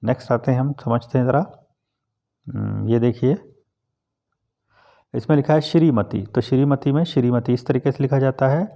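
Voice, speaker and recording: A man teaching an exam class on spelling correction, calmly going through each word and repeating its correct form. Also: mid-range voice. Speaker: Hindi exam tutor.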